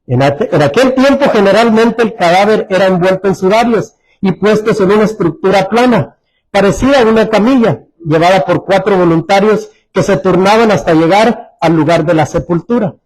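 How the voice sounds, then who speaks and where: A man preaching a sermon as pastor, Mexican Spanish accent, repeating phrases and dropping to soft, low tones for emphasis. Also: moderate pace, low-quality recording. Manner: repeats phrases, restarts words.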